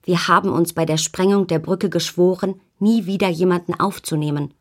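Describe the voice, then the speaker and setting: A stern, cautious woman from a close-knit community who warns firmly against any risk, read by a woman narrator. Her voice sits low in an audiobook delivery. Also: steady tone, normal speed, natural voice. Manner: firm, warning. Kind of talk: audiobook character voice.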